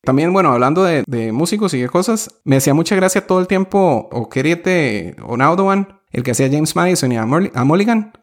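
A man's voice: on the high side, a little fast, few pauses. Chatty young man with a Costa Rican accent. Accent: Costa Rican Spanish. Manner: animated, laughs often, quotes lyrics in English. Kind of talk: casual chat about a musical.

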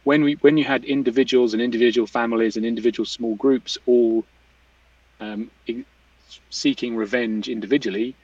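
A man thinks aloud in casual explanatory talk, halting and rephrasing often. He sits away from the mic, and the recording is dry and a little muffled. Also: mid-range voice, fairly even intonation, a little mellow, husky, dry recording. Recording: distant mic, slightly dull, dry sound.

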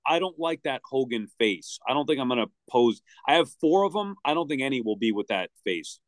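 A man's voice: medium pitch, animated, fairly quick, no echo. A man with a mid-range voice chatting on a podcast, wry and teasing and matter-of-fact. He is recorded close and dry. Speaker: podcast co-host. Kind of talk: casual chat.

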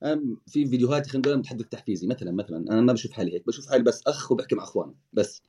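Husky, fast-talking man. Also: medium pitch, animated, dark tone. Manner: coaching, direct, addresses listener. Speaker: motivational speaker guest. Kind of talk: casual chat.

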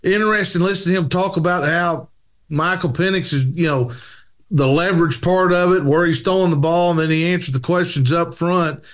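High-voiced man hosting sports talk. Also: fairly quick. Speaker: podcast host. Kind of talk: casual sports talk show.

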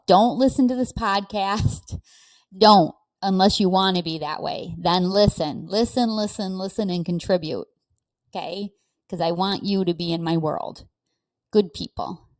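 Woman host, middle-aged, unhurried solo podcast talk, earnest and self-reflective. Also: medium pitch, darkish tone, no echo. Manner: earnest, self-talking, laughs between thoughts.

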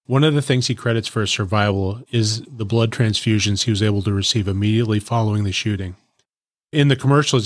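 A middle-aged man, a former police officer, telling a case story in a reflective, steady way on a podcast. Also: fairly low pitch, no echo, studio quality. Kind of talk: podcast commentary.

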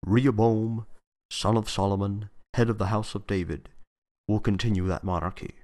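Guy doing a big dramatic campaign ad voiceover, slow and low. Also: fairly even intonation, a little mellow, close to an everyday voice. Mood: stirring. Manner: slow, dramatic, patriotic delivery. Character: grand male political ad announcer.

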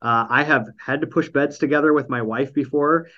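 A man's voice: mid-range voice, normal speed, highs cut off. A man with a nasal voice, hosting a casual podcast chat over an online call, rambling through a recap with lots of ums and dry jokes. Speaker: podcast host recapping a reality show.

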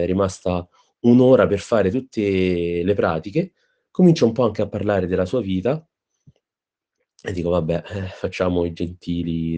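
A young man from Rome tells a story in an easygoing, offhand way. His voice sits low and sounds soft and mellow. He swears now and then and drifts through filler sounds. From Rome, Italy. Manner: laid-back, swears, trails off with fillers. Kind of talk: casual anecdote.

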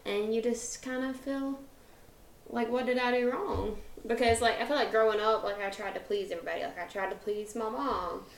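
A woman's voice: on the high side, moderate pace, reverberant, low-quality recording. A woman in her twenties co-hosting a podcast, talking candidly in a chatty way and laughing between phrases. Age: 20s. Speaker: podcast co-host. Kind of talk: casual podcast chat.

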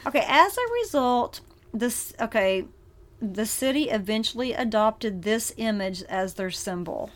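A woman's voice: a little high, expressive, a little slow. Bubbly woman hosting a book chat. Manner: bubbly, laughs often, leads trivia. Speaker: podcast co-host. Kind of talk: casual book-club chat.

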